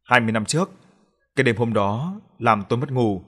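A man narrates a horror story for an audiobook in a calm, even way. His voice sits at an ordinary middle pitch. The reading is steady and measured. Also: slightly rough.

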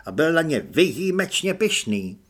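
A man's voice: fairly high pitch, big pitch swings, a bit bright. A man voicing a pompous young male vampire recruit in an audiobook, speaking with smug superiority.

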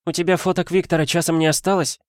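A man voicing a kind, warm-hearted young female student who talks eagerly and turns pleading and shaky in an audiobook. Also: fairly high pitch, little pitch movement, fast talker, clean tone, dry recording, studio quality, voice pushed up, natural voice. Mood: frightened.

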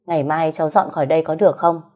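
A woman voicing a blunt, uneasy middle-aged landlady who talks in a curt, brisk way. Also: deep voice, steady tone, a little mellow.

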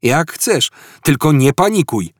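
A man reading an audiobook, voicing a quick-witted alien traveller who pleads and snaps urgently. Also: a little high, expressive, dry recording, clean studio sound, pitched above the performer's own voice. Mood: coaxing.

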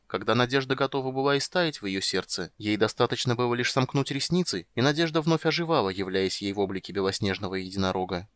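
A man narrating a fantasy audiobook in an even, measured storytelling manner. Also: lowish voice, no room sound.

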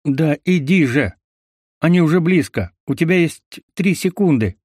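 A man voicing a gruff, terse, wounded forester fighting his way out, in a dry recording. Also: fairly high pitch, lively intonation, normal speed, darkish tone, dry recording, pitched above the performer's own voice. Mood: urgent.

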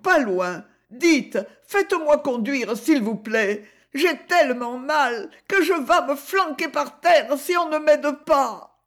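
A woman's voice: high voice, animated, slow, fairly bright tone, pitched above the performer's own voice, heavily acted. A woman reading aloud, voicing a bold young woman detective with a raised, pleading then haughty delivery.

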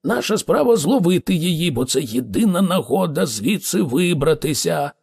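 A man reading an audiobook, voicing an excitable man who explains things insistently and with exasperation. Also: on the high side, normal speed, vocal fry, husky, long reverb tail, pitched above the performer's own voice, full character voice. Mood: exasperated. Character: impatient, excitable alien man, Ford. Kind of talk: audiobook character voice.

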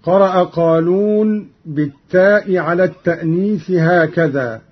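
A man explaining Quran reading variants, giving measured explanations broken by slow, drawn-out chanted recitation, heard on a dull old radio recording. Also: high voice.

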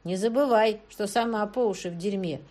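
A woman's voice: medium pitch, fairly quick, mellow, lightly acted. Woman reading as a bullying male kidnapper. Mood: menacing. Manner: threatening, barking.

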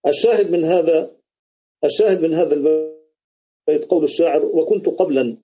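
A man's voice: fairly high pitch, a little fast, mellow, slightly rough, highs cut off. A man teaching an Arabic grammar lesson on a video call, quizzing his students and restating each rule. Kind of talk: live online grammar lesson.

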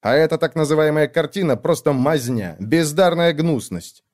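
A man's voice: on the high side, moderate pace, a little mellow, natural voice. A man playing a moody, irritable young painter. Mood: irritated, angry. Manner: tense, irritable outbursts.

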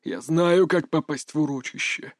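A man voicing a frightened old male smuggler, tearful and pleading, in a high strained voice. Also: normal speed, no room sound, clean studio sound, close to an everyday voice. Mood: fierce whisper.

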